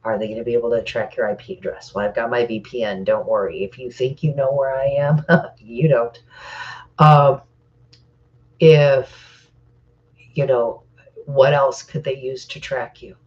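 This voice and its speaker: A woman's voice: very deep voice, steady tone, unhurried, pauses often, a little mellow, muffled recording. A middle-aged woman hosting a casual live-stream Q&A, stuffy from crying, talking hesitantly with many fillers while reading comments. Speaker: live Q&A host.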